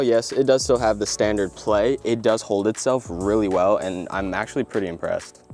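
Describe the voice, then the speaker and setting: A man's voice: fairly low pitch, darkish tone. A man presenting a video product review in an explanatory, informal way, part scripted and part casual. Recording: background music under the voice. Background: music.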